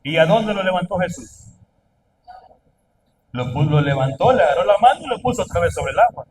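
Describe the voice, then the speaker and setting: A man preaching a sermon, asking the congregation questions and building to loud, emphatic calls. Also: sits high, lively intonation, a little fast, far from the mic, noisy background. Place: church.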